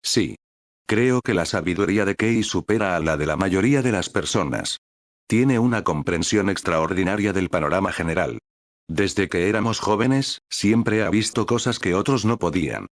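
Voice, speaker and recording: A humble young ninja speaks with sincere earnestness, voiced by a man narrating a story. The tone is very low and dry, with no room around it. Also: expressive, normal speed, no echo.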